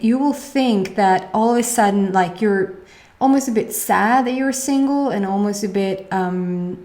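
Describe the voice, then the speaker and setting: Casually reading tarot cards, a young native Swedish speaker talks with a Swedish accent in a mellow, mid-range voice. Her delivery wanders, full of fillers as she frequently hunts for the right word.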